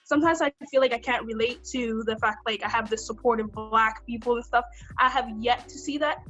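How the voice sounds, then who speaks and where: A woman's voice: fairly high pitch, fairly quick, pushed and bright, faint music behind. A woman who models, co-hosting a casual podcast chat, speaking candidly and emphatically with frequent restarts.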